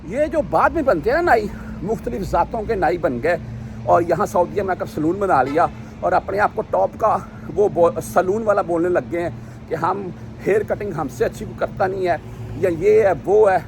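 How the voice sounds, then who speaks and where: A man with a high voice narrates a casual vlog outdoors. He retells arguments with lively energy and slides into lecturing. Faint traffic hums in the background. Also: creaky. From Pakistan. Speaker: vlogger.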